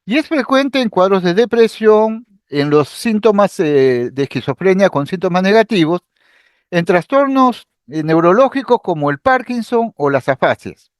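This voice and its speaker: A man giving a psychiatry lecture, explaining patiently, with lively intonation and an occasional filler or restart. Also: sits high, normal speed, no echo, clean studio sound. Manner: explanatory, acts out patient speech examples. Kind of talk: recorded medical lecture.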